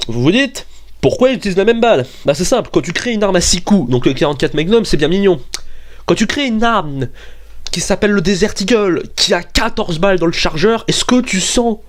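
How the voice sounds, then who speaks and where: A young man hosting a comedic video rant, excitable and swearing, often arguing with himself. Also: fairly quick. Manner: excitable, swearing, jumps into high-pitched outbursts and argues with himself. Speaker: YouTube weapons video host.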